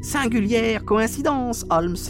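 A man's voice: very high voice, lively intonation, slow pace, over music, voice pushed up, full character voice. A man voicing a gloating, sneering villain who mocks a dying rival in a radio play. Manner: sneering, mocking, taunting. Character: gloating sinister male poisoner villain.

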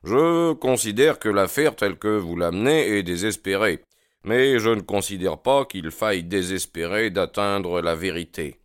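A man reading aloud as a brilliant, self-assured detective who speaks with brisk, earnest cordiality. The voice lifts brighter and a touch louder than his low narrating tone. It is recorded close and dry, with no room sound. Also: clear, resonant tone, no room sound, lightly acted. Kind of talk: audiobook character reading.

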